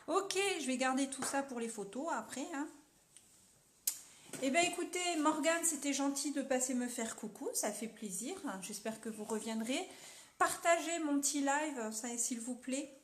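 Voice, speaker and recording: A woman's voice: fairly high pitch, moderate pace, reverberant, slight background noise. A young French woman chatting casually as she sells makeup on a live stream, upbeat and full of fillers.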